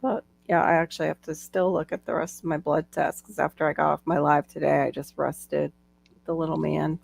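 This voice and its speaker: Middle-aged lady hosting a live chat, bit of gravel in her voice, dry close sound. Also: low-pitched, level tone, a little fast, darkish tone, no room sound. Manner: chatty, laughs often. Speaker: livestream host. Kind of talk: casual chat. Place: home livestream. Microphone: video call.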